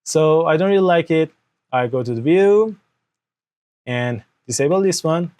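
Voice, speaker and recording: A young man, Persian by first language, has a slightly high, darkish-toned voice that's animated yet unhurried. He hosts a screen-recorded software tutorial at his indoor desk, explaining step by step into an external mic, checking "okay?" often, with non-native grammar.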